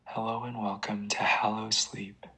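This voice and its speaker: A man leading a guided prayer and breathing meditation in a hushed, breathy, creaky voice, with a deliberate, calming delivery. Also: fairly low pitch. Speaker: guided sleep meditation leader.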